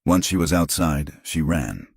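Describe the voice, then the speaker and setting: A man reading a western audiobook as narrator, measured and dramatic. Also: a bass voice, lively intonation, gravelly, breathy edge, no room sound, studio quality. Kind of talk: scripted narration.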